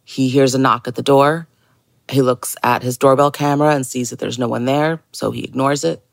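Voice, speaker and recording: A woman recounting a spooky legend as a guest storyteller, in a measured, deliberate way. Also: a bass voice, fairly even intonation, gravelly, no room sound, studio quality. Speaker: guest listener telling a submitted story.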